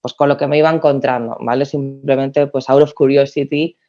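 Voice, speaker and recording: A woman in her thirties from Spain, a podcast guest telling her story in a lively way with many restarts. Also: very deep voice, brisk, highs cut off. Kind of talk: casual podcast interview.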